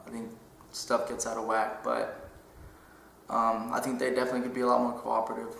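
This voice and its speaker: A man's voice: medium pitch, completely flat delivery, fairly quick, creaky, fairly bright tone. A man in his twenties, a college student giving short, casual interview answers with hesitant fillers. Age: 20s. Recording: noisy, echoey room.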